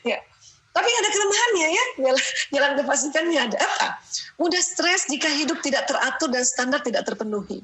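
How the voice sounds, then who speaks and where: A middle-aged woman speaking at a parenting seminar, lively and laughing often, dropping "ya" between her sentences. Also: high voice, brisk, low-quality recording. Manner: peppers sentences with "ya". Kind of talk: seminar talk to an audience.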